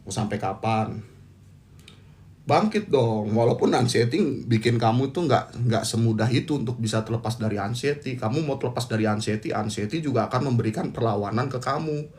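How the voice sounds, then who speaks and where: A man at a middle pitch delivers a motivational talk. He is blunt and teasing, drops into casual slang, and drives points home by repeating them. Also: a little fast, a little mellow. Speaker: host giving talks on anxiety. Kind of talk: motivational monologue.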